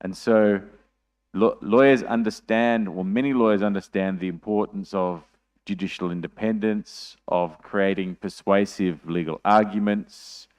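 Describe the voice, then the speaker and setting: A man's voice: lowish voice, steady tone, measured pace, darkish tone. An Australian man speaking at an academic conference, thoughtful and hedging, often restarting and repeating words.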